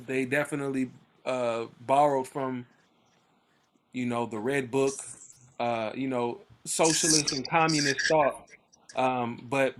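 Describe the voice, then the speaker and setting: This Oakland-area book club leader reads out timeline entries on a video call and riffs on them casually. His delivery is full of fillers and restarts, and his voice sits in the mid-range.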